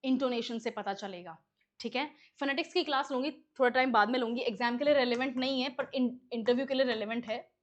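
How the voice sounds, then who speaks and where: A woman's voice: a little high, fast talker, highs cut off. Woman teaching an English class. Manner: explains step by step, often checks in with "okay?". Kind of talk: exam-prep lecture.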